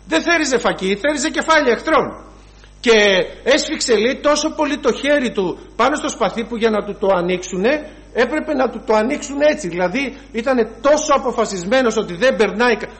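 A man preaching a sermon, telling stories and acting out scenes. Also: extremely high pitch. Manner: storytelling, animated, acts out scenes.

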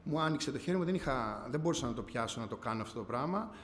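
A man giving a personal testimony to a church gathering, telling his story earnestly, often rising and falling in pitch and loudness. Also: animated. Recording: long hall reverb, faint background noise.

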